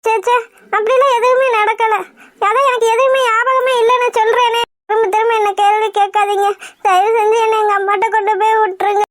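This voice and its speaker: A woman's voice: very high voice, flat delivery, a little fast. A woman voicing a frightened, injured young woman in a cartoon, pleading through tears. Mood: upset. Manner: pleading, tearful. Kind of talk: cartoon voice acting.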